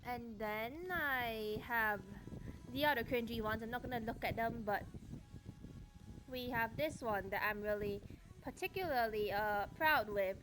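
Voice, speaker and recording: Higher-voiced young woman, playful livestream chatter. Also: measured pace, noisy background. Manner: playful, teasing. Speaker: art livestreamer. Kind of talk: casual livestream chat. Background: background music.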